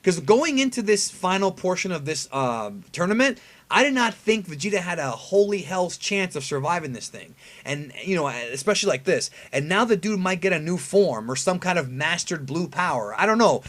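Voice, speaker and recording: A male anime review host speaks in a fairly high register. He breaks down a preview in a casual, conversational way, stressing his points and putting rhetorical questions to viewers. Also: expressive, moderate pace, fairly bright tone. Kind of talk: casual fan commentary breaking down an episode preview.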